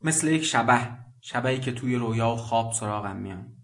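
A young male fighter, shaken and unsure, asks his questions in a quiet, hesitant voice, as a man reading a radio story puts him on. He is soft-spoken. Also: medium pitch, lightly acted.

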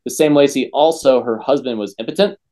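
A man's voice: medium pitch, brisk, mellow. A man co-hosting a podcast, telling a story in a plain, casual way with fillers. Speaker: podcast co-host.

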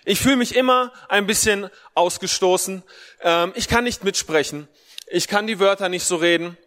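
In a long, reverberant hall, a preacher with a high, somewhat bright voice speaks at a moderate pace in a casual Mother's Day livestream sermon. He comes from a Russian-German family in Germany, can't roll his R due to a speech impediment, and leans on repeated short phrases for emphasis.

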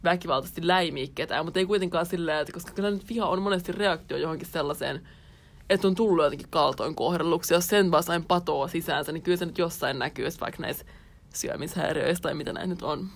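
Reflective young Finnish-speaking woman podcaster. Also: lowish voice. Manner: thinking aloud, many fillers, reflective. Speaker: podcast co-host. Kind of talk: casual chat.

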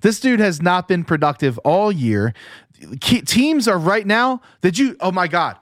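A man with a somewhat high voice co-hosting a sports podcast. He argues heatedly and swears for emphasis. The sound is dry and close. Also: expressive, unhurried, dry recording. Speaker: podcast co-host. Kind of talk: casual sports chat.

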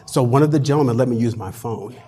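A man who is a military physician telling a story in an excitable way, laughing as he goes. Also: mid-range voice, fast talker, slightly rough, in a large hall. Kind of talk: live storytelling.

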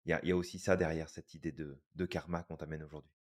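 A podcast co-host mulls things over thoughtfully, though haltingly, with plenty of fillers and restarts. His rumbling low voice shows little pitch movement, and he talks very fast.

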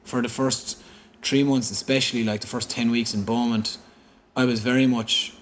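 A man's voice: mid-range voice, normal speed, a little hiss or hum. An Irish man, an interview guest, recounting a personal story in conversation and acting out what people said. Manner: animated, quotes dialogue as he recounts.

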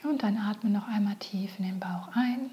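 A woman leading a guided meditation, speaking softly and often in a whisper. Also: mid-range voice, muffled recording, slight background noise. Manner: slow, soft, often whispered.

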